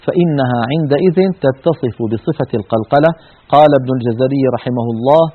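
A man's voice: mid-range voice, husky. A man teaching the articulation of letters for Quran recitation, explaining each trait step by step and demonstrating sounds and common mistakes. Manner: methodical, demonstrates sounds and mispronunciations. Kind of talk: recorded lesson on letter articulation. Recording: tinny phone-like lo-fi audio.

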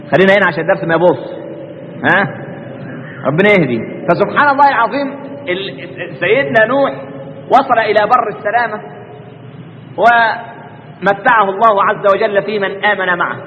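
A man's voice: high voice, bright, forceful tone, in a large hall, lo-fi sound, slight background noise. A man with an Egyptian accent preaching a colloquial religious lesson, constantly posing rhetorical questions and answering them himself. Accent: Egyptian Arabic.

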